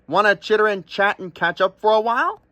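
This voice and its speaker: A man's voice: high voice, brisk, pushed and bright, no echo, pitched above the performer's own voice. A man voicing a friendly, mangy old male crow in a rhyming storybook, squawky and chirpy.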